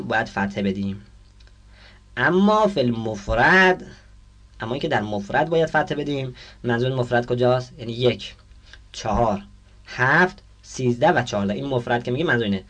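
A man's voice: medium pitch, a bit bright. Male teacher, lecture, reads text then explains, asks and answers his own questions. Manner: asks the class questions and answers them himself. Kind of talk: lecture on Arabic grammar.

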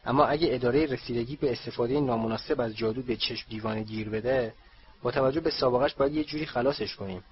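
A man voicing a brisk middle-aged wizard official who talks in a hurried, chatty way. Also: mid-range voice, breathy edge. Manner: hurried and talkative. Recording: slightly dull, faint hiss.

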